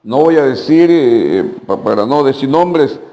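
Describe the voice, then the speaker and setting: A man's voice: mid-range voice, expressive, measured pace, mellow, echoey room. A man with a Mexican Spanish accent preaching a midweek sermon as pastor, asking rhetorical questions and repeating phrases for emphasis.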